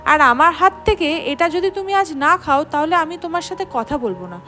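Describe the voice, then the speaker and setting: Brief: a woman playing a cheeky young guy friend, teasing and pushy, light and high. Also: lively intonation, moderate pace, pushed and bright, faint music behind.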